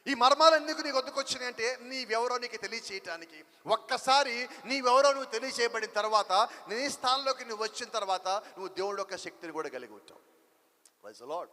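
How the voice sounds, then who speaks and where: Male preacher with a very high, forceful voice, emphatic and repetitive, sermon in a reverberant hall. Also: lively intonation, fast. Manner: emphatic, repeats rhetorical questions.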